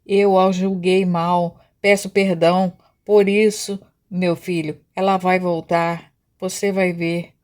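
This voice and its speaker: A woman's voice: fairly low pitch, level tone, slow, few pauses, a little mellow. A woman reading the lines of a remorseful, hungover adult father who pleads tearfully, in a story she reads aloud.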